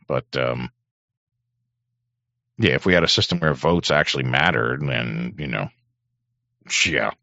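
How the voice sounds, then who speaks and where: A middle-aged male show host delivers a rambling, profane on-air monologue, clearing his hoarse throat often. His voice is extremely low, hoarse and a bit bright, on a dull-sounding studio mic with a dry recording and no room sound.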